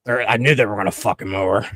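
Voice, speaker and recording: A man in his early thirties with a voice on the low side hosts a casual podcast, recorded dry. He rants and tells animated stories, cursing freely and quoting his own reactions.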